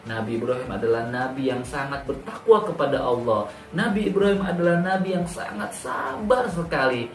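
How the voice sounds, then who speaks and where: Male storyteller, mid-range voice, expressive kids' religious tales; roomy, distant mic over music. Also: mid-range voice, moderate pace. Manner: expressive, addresses young listeners directly with emphatic repetition. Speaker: storyteller for children.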